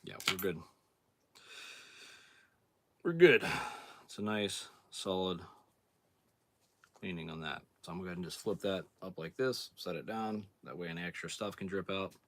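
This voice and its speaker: A hoarse, low-pitched outdoors channel host clears his throat as he explains a cleaning job step by step, relaxed and plain-spoken, thinking aloud while working. He speaks at a moderate pace with long pauses, sometimes moving away from the camera mic during this casual hands-on demonstration.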